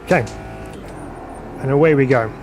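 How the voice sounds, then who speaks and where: A congested man with a cold gives chatty live commentary while driving a racing sim, laughing at himself and reading viewer chat aloud. His mid-range voice is a little mellow at a moderate pace, with soft music in the background.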